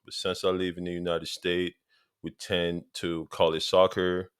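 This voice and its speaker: A football vlogger in his thirties, a Congolese man with a matching accent, addresses his viewers eagerly and casually, often repeating himself for emphasis. His low voice is monotone and measured, with a clean tone. The recording is dry, with clean studio sound.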